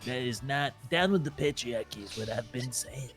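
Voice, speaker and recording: A man's voice: medium pitch, normal speed, a bit bright, faint music behind, close to an everyday voice. A man playing a deputy in a game roleplay, joking in a mock-grand, bossy way.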